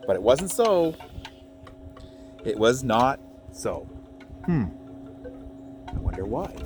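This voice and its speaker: With a medium-pitched voice, a man reads a children's picture book aloud playfully and expressively. He adds chatty asides to his young listeners along the way.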